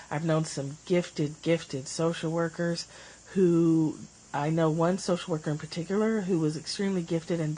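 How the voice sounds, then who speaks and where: A woman's voice: low-pitched, darkish tone, husky, poor audio. A woman hosting a live stream, giving a casual, rambling spiritual talk and replying to viewer comments. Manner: chatty, rambling, reads viewer comments aloud. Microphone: phone.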